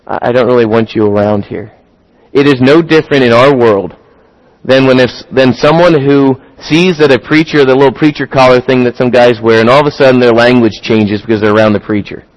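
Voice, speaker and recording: A man's voice: mid-range voice, poor audio. A man preaching a sermon, talking through rhetorical questions and building to emphatic, rising points.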